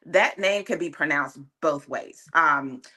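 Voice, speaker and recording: A woman's voice: deep voice, slow, pushed and bright. A woman speaking as a guest in a casual discussion, earnest and opinionated, with plenty of likes and ums. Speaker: panel guest.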